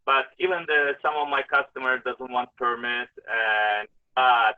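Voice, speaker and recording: A man's voice: mid-range voice, level tone, measured pace. A contractor talking hesitantly with many fillers over a phone line that keeps breaking up, calling from his work van. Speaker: contractor guest. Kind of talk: casual interview by phone. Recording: tinny, cutting-out phone line.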